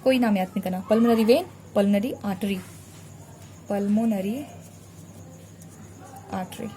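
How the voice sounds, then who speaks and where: Woman, biology teacher, board lesson, patient and repetitive drilling, mellow tone, light hiss. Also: mid-range voice, measured pace. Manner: patient, repeats terms to drill memory tricks. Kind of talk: whiteboard revision lesson. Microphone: recorded while drawing a diagram on a board.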